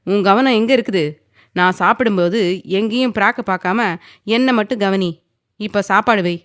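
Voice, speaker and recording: A woman's voice: mid-range voice, normal speed, no room sound, clean studio sound, natural voice. A woman voicing a domineering, possessive young man who speaks firmly and commandingly, sometimes teasing.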